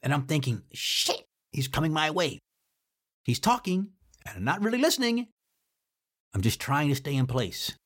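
A man telling his own story in a casual podcast, animated and freely swearing. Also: on the high side, moderate pace, long pauses. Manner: animated, swears freely, acts out shouted drill orders. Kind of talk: casual first-person storytelling.

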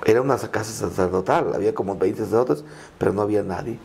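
A man's voice: lowish voice, fast talker, gravelly, darkish tone, a little hiss or hum. A middle-aged male priest speaking earnestly in a conversational interview, telling his story with frequent restarts. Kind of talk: conversational podcast testimony.

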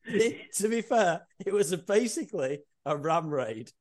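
A man with a voice a little higher than average co-hosts a podcast. He talks casually and drops in dry, joking remarks. He is on a video call from home. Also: lively intonation, measured pace, darkish tone. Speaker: podcast co-host. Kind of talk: casual chat.

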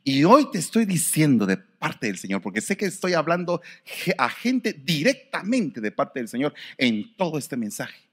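A man preaching a sermon. His voice sits a little high and swoops widely in pitch. He drops to near-whispers, then bursts out loud. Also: normal speed. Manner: animated, swinging from soft to shouted.

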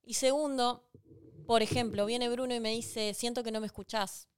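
Animated Argentine woman co-hosting a podcast. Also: fairly high pitch, moderate pace, clear, resonant tone, no room sound, studio quality. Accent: Rioplatense Spanish. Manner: animated, emphatic, acts out quoted lines. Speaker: podcast co-host. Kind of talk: casual relationship advice chat.

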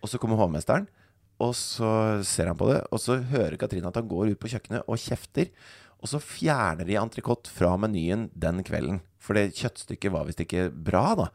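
A man's voice: on the low side, animated, creaky, darkish tone. A man, co-hosting a podcast, telling stories in casual chatty banter. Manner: storytelling, chatty, uses fillers like "liksom". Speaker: podcast co-host.

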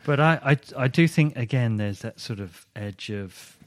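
A man's voice: mid-range voice, lively intonation, measured pace. A man co-hosting a podcast, picking apart a song in a thoughtful, analytical way and steering the chat back on topic. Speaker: podcast co-host. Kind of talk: casual music review chat.

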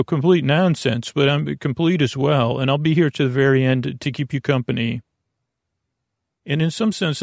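A man with a creaky, mid-range voice hosts a sleep podcast, delivering a soothing bedtime monologue that wanders and stops with pauses and repeated phrases. The recording is clean studio sound with no echo.

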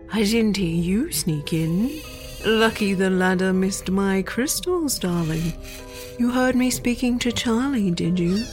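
A woman playing a theatrical old-fashioned female spirit medium in a comedy sketch, who gushes and calls everyone darling, with music behind her. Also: medium pitch.

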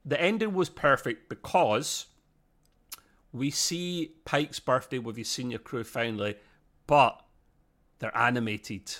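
A man's voice: medium pitch, slow pace, long pauses, a bit bright. A man with a British accent co-hosting a podcast, chatting casually in a rambling, self-interrupting way. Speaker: podcast co-host. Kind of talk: casual review chat.

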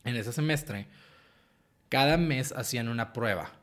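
A young man with a Mexican Spanish accent talks in a medium pitch at an unhurried pace. He's a guest writer and actor in a casual interview, telling stories with lots of animation and frequent laughter.

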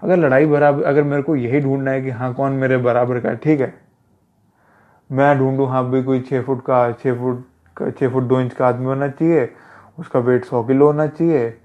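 A self-defense instructor gives casual advice in a medium-pitched, fairly even voice at normal speed. He's conversational and repeats himself, calling the listener "brother," and the recording is dull and lo-fi.

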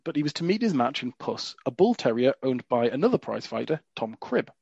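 A man's voice: medium pitch, big pitch swings, fairly quick, creaky, a little mellow, slightly rough, no room sound. A man hosting a podcast in casual, jokey chat, full of asides and fillers. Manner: chatty, jokey, frequent "you know" fillers. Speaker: podcast host. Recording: dull lo-fi dry recording.

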